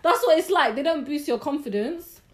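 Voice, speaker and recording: A young woman in casual podcast banter, playfully teasing her friends. Her fairly high voice swings widely up and down. A clear murmur of other people chatting runs behind her. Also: animated, moderate pace, a crowd in the background. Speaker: podcast co-host. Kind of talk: casual chat.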